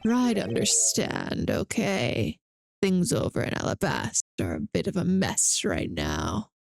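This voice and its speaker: Woman putting on a low, cocky male agent. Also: wildly swooping pitch, unhurried, vocal fry, slight background noise, full character voice. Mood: placating. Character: cocky, stern male agent, smooth-talking and dismissive. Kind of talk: acted video game dialogue read-aloud.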